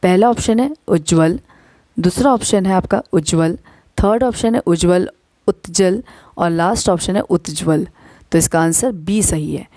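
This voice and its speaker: Dry, low-voiced woman teaching spelling. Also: warm tone, no room sound. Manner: spells words out letter by letter, repeats "ठीक है ना"; slows down to dictate syllables. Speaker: Hindi teacher. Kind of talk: exam-prep spelling lesson.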